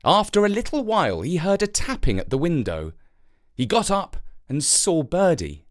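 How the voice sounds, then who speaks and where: This is a storyteller for children whose medium-pitched voice climbs and dips with drama. Each phrase comes out expressive and carefully measured.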